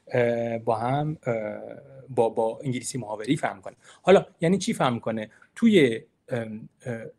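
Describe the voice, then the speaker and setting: A man's voice: medium pitch, darkish tone. A man giving an informal academic lecture. He talks in a chatty, encouraging way, asks rhetorical questions, and explains and repeats key points. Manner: explains terms and repeats points to stress them. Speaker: university lecturer giving a presentation.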